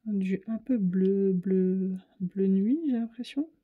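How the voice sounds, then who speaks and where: On phone-quality sound, a woman with a medium-pitched, breathy-edged voice takes it slowly. She runs a craft channel and has a northern French Ch'ti accent, chatting to viewers and thinking out loud as she paints and tries out art supplies.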